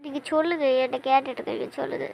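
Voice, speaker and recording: A woman's voice: sits high, steady tone, very fast, creaky, a little mellow, a little hiss or hum, poor audio. An actress playing a young wife who pleads emotionally and insistently with her injured husband in an audio drama. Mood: pleading.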